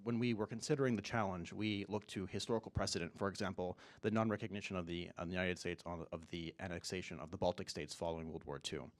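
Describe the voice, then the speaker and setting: A man's voice: sits low, fairly even intonation, quick pace, few pauses, dry recording. A young adult man, a student competitor, giving a formal answer to a question.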